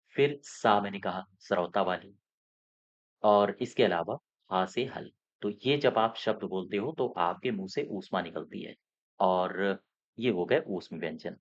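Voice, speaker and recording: A man's voice: lowish voice, highs cut off. A man teaching as an exam coaching teacher, walking through mock test answers, repeating key points and often checking that students follow.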